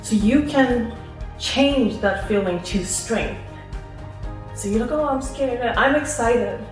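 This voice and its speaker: A woman's voice: a little high, slow. A woman from Sweden answering audience questions at a seminar, giving earnest advice and acting out little inner voices. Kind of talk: seminar Q&A talk. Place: seminar hall. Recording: echoey hall, far from the mic, faint music.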